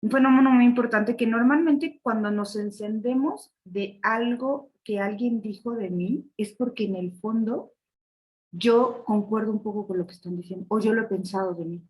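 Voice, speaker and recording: A woman's voice: fairly high pitch, normal speed, a little mellow, poor audio. A woman giving a conversational online lecture on leadership, often ending points with a questioning tag and laughing. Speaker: speaker of an online leadership session.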